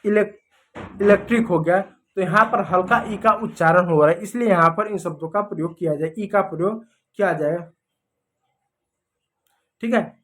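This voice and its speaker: A man's voice: high-pitched, moderate pace, pauses often, fairly bright tone, a little hiss or hum. A man teaching English spelling rules in a patient lesson, often repeating examples and asking "okay?". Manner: repeats examples, checks in with "ठीक है". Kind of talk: explanatory lesson over slides.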